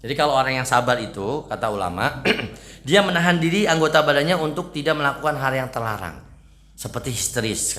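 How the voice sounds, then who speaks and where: A man with a fairly low voice gives a casual study talk in a mosque. He talks in a chatty way and keeps asking his listeners questions. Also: a bit bright. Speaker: preacher.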